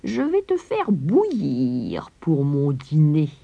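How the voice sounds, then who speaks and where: A woman voicing a wicked, half-blind old witch with a shrill, drawn-out, scolding voice. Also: wildly swooping pitch, vocal fry, mellow, breathy edge, muffled recording, exaggerated voice. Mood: gloating scolding.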